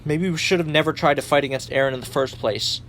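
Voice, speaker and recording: A man's voice: a little high, fast talker, fairly bright tone, slight background noise, lightly acted. A man voicing a frustrated young male soldier who sounds bitter and exasperated. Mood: bitter, defeated.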